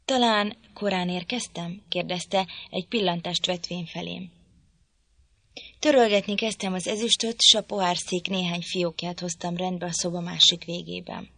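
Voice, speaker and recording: A woman narrating an audiobook in a calm, measured storytelling manner. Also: lowish voice, creaky, dry recording. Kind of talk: scripted narration.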